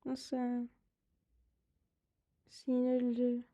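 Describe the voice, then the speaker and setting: A woman teaching a language lesson, translating lyrics word by word with slow, halting explanations full of fillers. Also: a little high, monotone, mellow.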